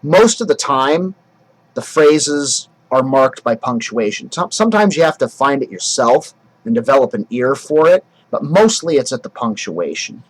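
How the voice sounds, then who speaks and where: A man's voice: mid-range voice, very animated, moderate pace, rough recording. A drama teacher explaining how to speak verse, casual and explanatory, often restarting his sentences. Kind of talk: acting lesson.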